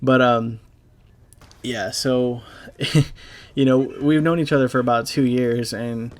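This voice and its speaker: A young man giving a halting, casual voice-over over gameplay, full of fillers and swearing, as a clan leader recalling a friend. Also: mid-range voice, fairly even intonation. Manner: halting, rambling, heavy with fillers; casual and profane. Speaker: gaming YouTuber and clan leader.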